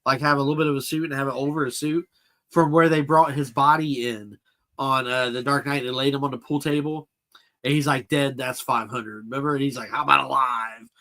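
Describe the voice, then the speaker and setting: A man's voice: mid-range voice, fairly even intonation, brisk, a bit bright. A man hosting a casual live chat about toys and films, answering viewers' comments as he goes. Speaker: toy collector channel host.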